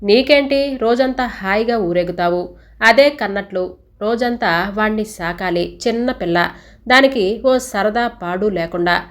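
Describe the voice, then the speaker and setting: A woman playing a sharp-tongued old mother-in-law. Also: mid-range voice, measured pace, natural voice. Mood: berating. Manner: berating, then wailing. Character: older widowed mother-in-law, sharp-tongued and self-pitying.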